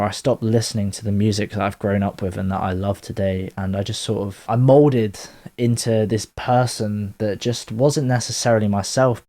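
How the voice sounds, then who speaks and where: Low-voiced young man musing aloud. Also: dark tone. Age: 20s. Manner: rambling, candid, swears casually, drifts into tangents. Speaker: vlogger. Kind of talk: casual reflective monologue.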